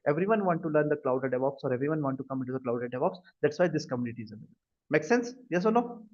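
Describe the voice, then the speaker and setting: Talking very fast in a voice on the high side with lively intonation, a man with an Indian accent teaches a cloud computing class online. He checks understanding through frequent short questions, captured in dull, lo-fi video-call sound.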